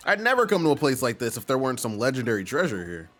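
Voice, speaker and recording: A man voicing a perky young female goomba student in a bubbly, excitable way. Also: mid-range voice, quick pace, soft background music, pitched above the performer's own voice. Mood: excited.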